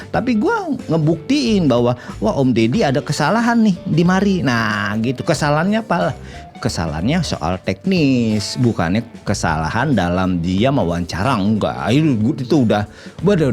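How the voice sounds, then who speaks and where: A man chatting in a casual tutorial style, joking and laughing often while testing his microphone in a small home studio. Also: mid-range voice. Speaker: home recording vlogger. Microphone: condenser mic with plugins.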